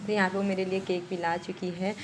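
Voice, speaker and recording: A woman's voice: mid-range voice, little pitch movement, a little fast, noisy background. A woman in her twenties from Uttarakhand, India, narrating her vlog in a chatty voice-over and talking straight to viewers. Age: 20s. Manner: chatty, laughing at herself, talks straight to viewers. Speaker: vlogger.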